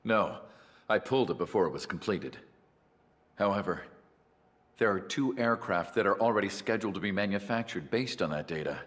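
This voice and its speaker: A man playing a weary, remorseful older scientist in a video game, narrating solemnly in a gravelly voice. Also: lowish voice, animated, normal speed, a bit bright, dry recording. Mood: urgent. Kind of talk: scripted dramatic narration.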